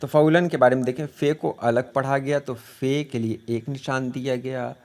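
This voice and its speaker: A man from India, an Urdu teacher, patiently explaining poetic meter and slowly repeating words to drill pronunciation. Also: medium pitch, fairly even intonation, darkish tone. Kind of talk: poetry meter lesson.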